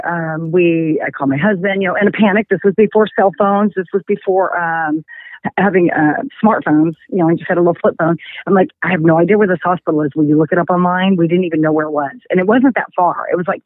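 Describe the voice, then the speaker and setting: A woman's voice: on the low side, no room sound. Middle-aged woman telling a story by phone. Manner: animated, acts out quoted dialogue. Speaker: guest. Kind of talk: casual storytelling over the phone. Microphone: telephone. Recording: tinny phone line.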